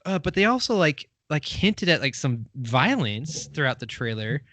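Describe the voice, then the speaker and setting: Rambling, animated male podcast host. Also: fairly high pitch, normal speed, dry recording. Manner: rambling, lots of fillers and laughs. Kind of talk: casual chat.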